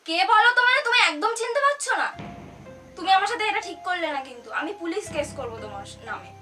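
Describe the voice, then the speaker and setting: A young woman with a West Bengal Bengali accent speaks fast in a very high-pitched, expressive voice. She sounds dramatic, insistent and accusing, like someone making an animated prank phone call and scolding theatrically. Background music plays.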